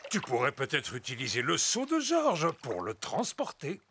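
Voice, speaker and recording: A man's voice: fairly high pitch, wildly swooping pitch, normal speed, a bit bright, a little hiss or hum. A man voicing a playful, kindly old grandfather pig in a children's cartoon, theatrical and fond of explaining.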